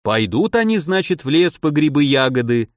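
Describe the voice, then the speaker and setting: A man reading a gruff, wry man dressed as Grandfather Frost who tells the children a tale in a dry, drawling way. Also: a little high, sing-song, normal speed, no room sound.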